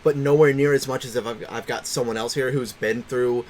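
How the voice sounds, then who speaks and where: A man of middling pitch hosts a casual reaction chat, agreeing easily with his guest. He wraps up with quick channel plugs. A faint hiss sits behind him. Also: fairly even intonation, a little mellow.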